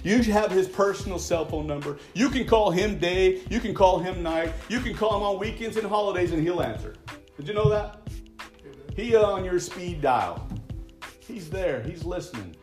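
Folksy preacher in an echoey church. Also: male voice, high-pitched, lively intonation, normal speed, darkish tone, soft background music. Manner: folksy, jokes aside, reads scripture aloud. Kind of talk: sermon.

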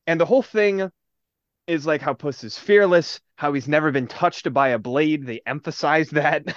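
A young man co-hosting a casual podcast chat, animated and laughing often, swearing as he retells a film scene. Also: on the high side, no room sound, dull audio. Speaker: podcast co-host.

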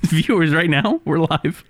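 A man hosting a casual podcast, bantering, laughing often and firing off quick questions. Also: on the high side, animated, dry recording. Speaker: podcast host.

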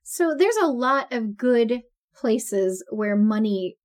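A woman in her forties co-hosts a casual podcast chat, her voice sitting a little high. She talks loosely with plenty of fillers and laughs often. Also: lively intonation, slow pace. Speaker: podcast co-host.

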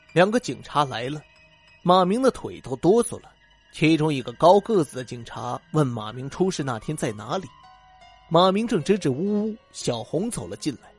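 A man narrates a ghost story audiobook, telling it in an animated way with wide swings in pitch. His voice sits a little high and sounds husky and breathy. Soft music plays faintly underneath. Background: faint background music.

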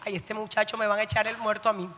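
A woman's voice: mid-range voice, flat delivery, fast, a bit bright, voice pushed down, natural voice. A woman preacher acting out a guilty, fretful middle-aged king, muttering anxiously, in a hall with long reverb.

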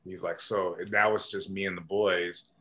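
Guy with a lowish voice, chatty guest, lots of "like" and "you know", restarts a bunch. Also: moderate pace. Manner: animated storyteller, many fillers and restarts. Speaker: podcast guest. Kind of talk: casual storytelling.

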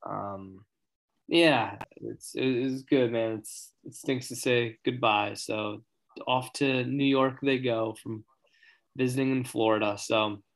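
A man's voice: medium pitch, steady tone, slow pace, low-quality recording. A man co-hosting a casual faith podcast, easygoing and chuckling, talking over a video call. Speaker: podcast co-host.

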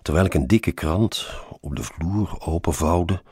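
Very deep, gravelly male storyteller. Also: a little slow, a little mellow, no echo, studio quality. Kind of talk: first-person story reading.

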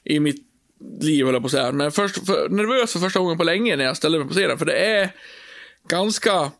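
A man co-hosting a podcast, telling a story in a lively, casual way and swearing freely. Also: on the high side, vocal fry, no echo, clean studio sound. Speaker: podcast co-host. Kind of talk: casual chat.

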